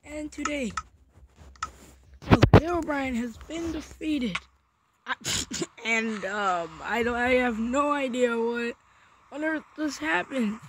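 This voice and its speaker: A woman's voice: high voice, slow pace, pauses often, background noise. A woman hosting a gaming video, giving let's play commentary and yelping in panic during fights. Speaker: gaming channel host.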